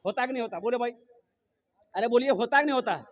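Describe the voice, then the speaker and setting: Male preacher with a very high voice, emphatic sermon delivery that pushes the crowd to answer back. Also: fast. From Kolkata, India. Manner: emphatic, calls out questions to the crowd and rises to shouts. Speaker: Islamic preacher. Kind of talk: sermon at a mosque gathering.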